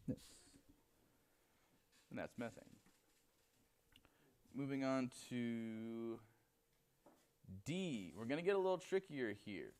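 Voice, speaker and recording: A man's voice: fairly low pitch, darkish tone. A man teaching chemistry in a classroom, joking with students and counting aloud as he draws. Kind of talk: classroom lecture.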